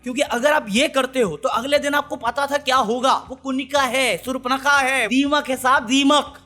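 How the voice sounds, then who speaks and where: A man's voice: very high-pitched, fairly even intonation, normal speed, sharp tone, faint music behind. A man giving blunt, heated, sarcastic commentary on a reality show. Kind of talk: ranting commentary.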